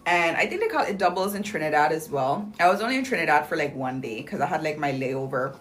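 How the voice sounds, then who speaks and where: A young woman hosts a casual livestream promoting clinic deals, bubbly and slangy with plenty of "like" and "um" as she reads viewer comments. Her voice is low, animated, fast and a bit bright.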